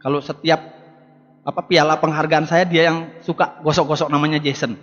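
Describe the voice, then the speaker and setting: Soft background music plays as a man in his forties, a motivational business speaker, gives a brisk, emphatic seminar speech in a large hall with a live audience. His voice is a little high with a level tone, and he repeats rallying words while addressing the crowd. The recording is echoey and dull lo-fi.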